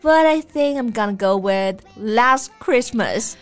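A woman's voice: a little high, animated, slow, faint music behind. A woman co-hosting a bilingual English lesson, upbeat, explaining vocabulary and slipping easily into English. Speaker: co-host of an English lesson show.

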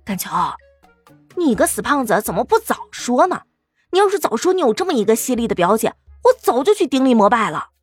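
A man voicing an excitable, gushing schoolkid sidekick in an audiobook, teasing and easily impressed. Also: very high voice, brisk, slightly rough, dry recording, soft background music, pitched above the performer's own voice, full character voice. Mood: excited. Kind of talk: audiobook character voice.

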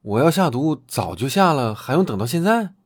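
Female narrator doing a deep, gentle young husband in a horror audiobook, dry and close. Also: very animated, a little fast, breathy edge, dry recording, full character voice. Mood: defensive. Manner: gentle, coaxing. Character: doting young husband, soft-spoken, quietly sinister.

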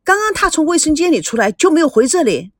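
A woman's voice: on the high side, big pitch swings, moderate pace, slightly rough, dry recording, studio quality. A woman doing an anxious young man. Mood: worried. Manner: earnest, worried.

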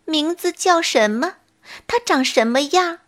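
A woman reading a bedtime story aloud in a soft, tender way. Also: high voice, lively intonation, unhurried.

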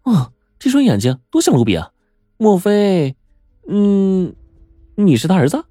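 A male storyteller voicing an excitable, chatty young woman in an exaggerated high falsetto. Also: a little slow, no room sound, clean studio sound, soft background music. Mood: excited.

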